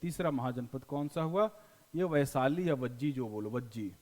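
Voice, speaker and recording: A man's voice: mid-range voice, moderate pace, darkish tone. Bihari male teacher, echoey room. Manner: explains with repeated questions and answers; folksy, mixes in local dialect. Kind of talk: classroom lecture.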